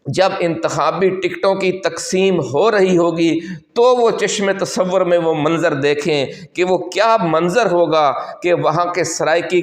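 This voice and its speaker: A man with a fairly high voice giving a political commentary monologue. He is rhetorical and builds long, cadenced lists of names. The room is echoey.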